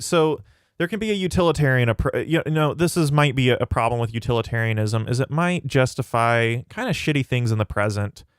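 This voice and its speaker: A man's voice: mid-range voice, no room sound, clean studio sound. A man hosting his own livestream, thinking aloud as he answers questions from the live chat. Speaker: channel host reading live chat. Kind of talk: casual livestream talk.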